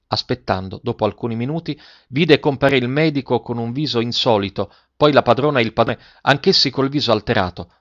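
A man narrating a story in a measured, dramatic reading style. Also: mid-range voice, fairly bright tone, dry recording, highs cut off.

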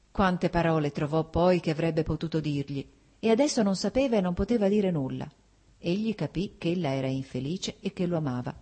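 A woman with a low, husky voice narrates a classic novel. Her reading is measured and expressive, carrying the story at an even, steady hand. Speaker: audiobook narrator.

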